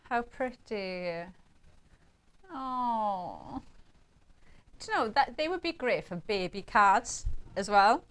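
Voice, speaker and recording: A woman's voice: medium pitch, animated, takes it slowly, pauses often, a bit bright, clear, resonant tone. A woman presenting craft products live on a shopping channel, chatty and cooing over how cute the designs are.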